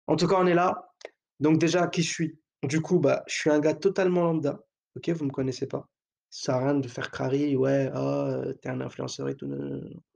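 A young adult man hosts his own podcast in a casual, provocative monologue, joking in crude slang full of fillers and hesitations. His voice is a little high with vocal fry and a darkish tone.

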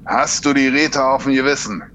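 Ein Mann spielt einen brutalen Polizeikommissar, der nüchtern und sachlich spricht und dabei kalt droht. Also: male voice, mid-range voice, a little fast, a bit bright, slight background noise, natural voice, poor audio. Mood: menacing. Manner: plain, matter-of-fact, coldly threatening. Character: brutal, rule-breaking male police detective.

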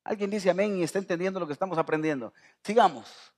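A middle-aged Salvadoran pastor with a Salvadoran Spanish accent preaches a sermon, building to near-shouting as he calls out to the congregation. His voice is high and his pace quick.

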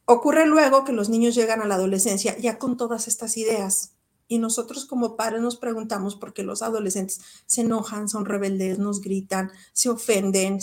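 A woman's voice: medium pitch, darkish tone. A woman, a psychologist and author, giving an earnest, emphatic explanation as a radio guest. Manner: earnest, emphatic, measured lecturing.

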